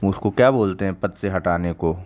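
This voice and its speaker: A man's voice: low-pitched, fairly quick, darkish tone. A man teaching an online exam-prep lecture, talking conversationally, repeating key answers and checking in with his students.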